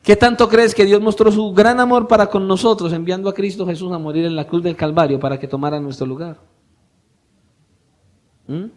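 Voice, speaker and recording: Male pastor w a high voice, preaching, keeps firing questions at the church, goes quiet then loud. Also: fairly quick. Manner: questions the congregation directly, swinging from soft to loud. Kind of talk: sermon.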